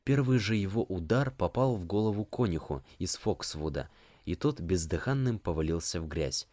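A man reading an audiobook, narrating a story in a measured, storytelling manner. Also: sits low, lively intonation, warm tone, dry recording. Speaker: audiobook reader.

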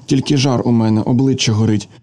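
A man voicing a heartbroken feverish young woman, soft, half-whispered, dark, quick delivery. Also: medium pitch, steady tone, lightly acted. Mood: distraught.

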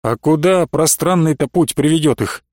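A man voicing a kindly, comforting middle-aged merchant who speaks in an unhurried, consoling way. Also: fairly high pitch, dry recording, studio quality, lightly acted. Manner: warm-hearted, consoling, unhurried.

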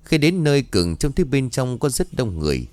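A man narrating a village ghost story in a steady, expressive storytelling voice. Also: mid-range voice, a little fast, dry recording. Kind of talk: scripted horror story narration.

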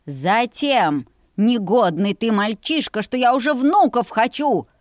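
Woman doing a high, loud, bossy storybook mother, dry and close. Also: expressive, moderate pace, no echo, lightly acted. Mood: scolding. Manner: commanding, scolding, raised voice. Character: stern loud mother pushing her children to marry.

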